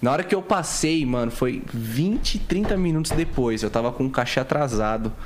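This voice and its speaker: A man hosting a podcast, telling a relaxed, slangy anecdote in casual chat. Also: medium pitch, moderate pace, a little hiss or hum.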